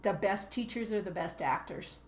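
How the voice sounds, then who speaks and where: A woman who is a teacher co-hosting a casual chat, speaking in a measured, emphatic way and acting out classroom voices. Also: medium pitch, lively intonation. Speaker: teacher and co-host. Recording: roomy echo.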